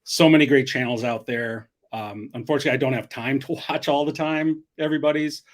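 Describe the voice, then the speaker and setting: Middle-aged man, guest on a chat show, even mid pitch, loose and rambling. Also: a little fast. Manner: rambling, friendly, restarts often. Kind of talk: casual chat.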